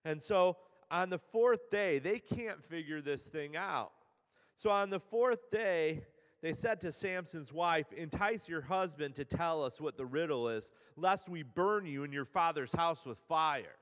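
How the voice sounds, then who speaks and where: Male pastor, high-pitched, chatty storytelling sermon, long church reverb. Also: unhurried, a bit bright. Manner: casual storytelling, paraphrasing characters in everyday speech. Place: church sanctuary.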